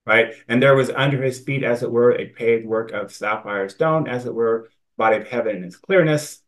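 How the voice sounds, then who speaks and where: Male Bible teacher, mid-pitched voice, reads scripture, then explains it conversationally. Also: moderate pace, poor audio. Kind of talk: scripture study presentation.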